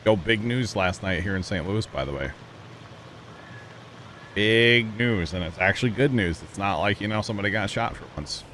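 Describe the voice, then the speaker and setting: A man's voice: on the low side, moderate pace, a little hiss or hum. A man on a livestream, talking casually into a headset mic while he plays a farming game and greets his chat. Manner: greets chat viewers casually, relaxed and chatty.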